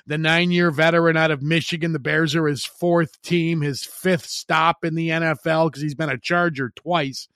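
A man's voice: fairly high pitch, steady tone, moderate pace, few pauses, a bit bright, no room sound, studio quality. A middle-aged man giving blunt, opinionated sports commentary, stressing points by repeating words.

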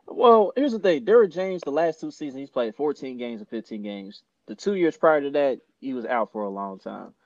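A man's voice: medium pitch, lively intonation, moderate pace, hardly any pauses, no echo, muffled recording. A man hosting a sports podcast in casual chat, running through headlines and laughing often. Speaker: podcast host.

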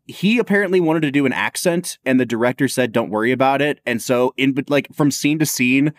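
A man's voice: mid-range voice, fairly quick, no echo, studio quality. A man co-hosting a podcast, chatting casually and opinionatedly about a film, laughing often. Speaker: podcast co-host.

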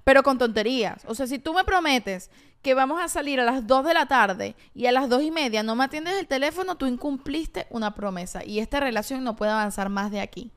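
A woman's voice: high voice, expressive, a little fast, clear, resonant tone. A woman co-hosting a podcast, talking in an emphatic, opinionated casual way. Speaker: podcast co-host. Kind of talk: casual chat.

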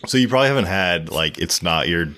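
A man's voice: sits low, expressive, fast talker, sharp tone. A man co-hosting a podcast, talking casually in a laid-back way with lots of fillers. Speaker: podcast co-host. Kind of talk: casual chat.

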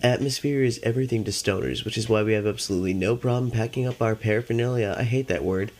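A man who is high, chatting casually as a solo podcast host in a laid-back, rambling, slangy stoner manner with plenty of swearing, music behind him. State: high on cannabis.

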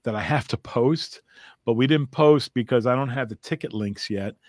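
A man's voice: medium pitch, normal speed, darkish tone, no room sound, studio quality. A man who is a comedian, talking in a casual interview in a rambling, chatty way and laughing often. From United States. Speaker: comedian guest.

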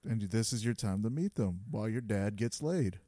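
A man's voice: on the low side, expressive, normal speed, mellow. A man hosting a casual podcast chat, teasing his guest and laughing often.

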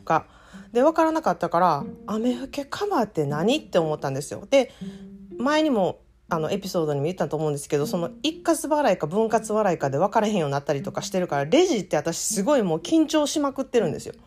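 Speaking at a quick pace in a medium-pitched voice, a podcast host from Japan with a Kansai accent chats animatedly on her casual solo show, sharing stories that poke fun at herself.

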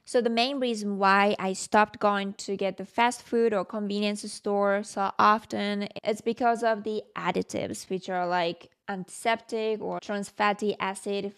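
A native Japanese speaker from Japan hosts a casual solo podcast, explaining things conversationally. She has a smooth, medium-pitched voice and a Japanese accent.

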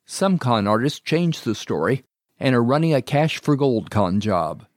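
A man hosting a show, reading a scripted narration in a measured, wry way. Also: medium pitch, a little mellow, no echo, clean studio sound. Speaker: host.

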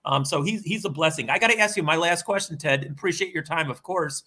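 A man hosting a casual sports interview, chatty and friendly. His voice sits a little high and rings bright and forceful. His questions wander before they land. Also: brisk. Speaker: host, former basketball player.

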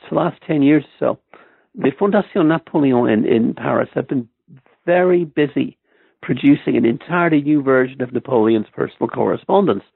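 This Irish man, a historian appearing as a podcast guest, has a medium-pitched voice that's creaky and slightly rough. He speaks hesitantly, full of ums and restarts, over a tinny, phone-like line with no echo.

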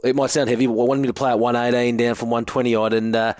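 A man's voice: mid-range voice, level tone, quick pace, darkish tone, dry recording. An Australian man in his forties, a co-host telling jokey stories in casual chat and calling people mate. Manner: jokey yarn-spinner, says mate often. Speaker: co-host, former rugby forward.

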